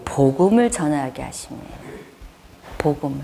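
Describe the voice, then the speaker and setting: A woman preaching a sermon, telling stories in an animated way with frequent laughter. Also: low voice, normal speed, creaky, slight background noise.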